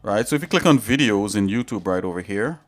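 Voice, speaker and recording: A man's voice: fairly low pitch, expressive, fast, soft background music. Man, livestream host, casual tutorial, rambling, chatty. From Trinidad and Tobago. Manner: rambling, chatty, talks straight to viewers.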